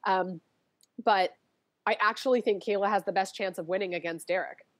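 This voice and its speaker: A woman chatting casually as a guest, animated and quick, laughing often and circling back to her points. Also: mid-range voice, dry recording. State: allergies, sniffly. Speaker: guest, former reality show contestant. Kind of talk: casual chat.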